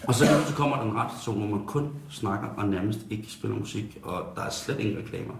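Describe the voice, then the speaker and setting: A tactless, halting radio host. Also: male voice, lowish voice, gravelly. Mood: explaining. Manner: halting, full of ums and restarts. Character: tactless male radio host who blurts dark jokes. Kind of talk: satirical talk-radio banter. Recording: roomy studio echo.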